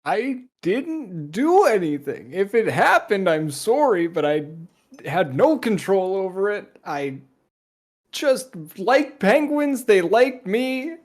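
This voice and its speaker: A woman's voice: mid-range voice, sing-song, takes it slowly, a little mellow. A woman voicing her player character, pleading innocence in a whiny, defensive way in a tabletop game. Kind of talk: tabletop game role-play.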